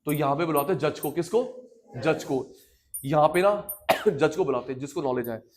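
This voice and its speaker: A man teaching a class, telling stories to his students and then lecturing loudly and with emphasis. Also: a little high, normal speed, a little hiss or hum. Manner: animated, addresses students directly, swings from quiet storytelling to loud emphasis.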